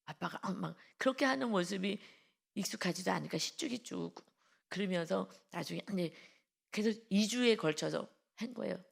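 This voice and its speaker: A woman's voice: mid-range voice, fairly quick, vocal fry, breathy edge. A woman pastor giving an early-morning devotional sermon, telling a story in a conversational way and speaking directly to the congregation. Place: church.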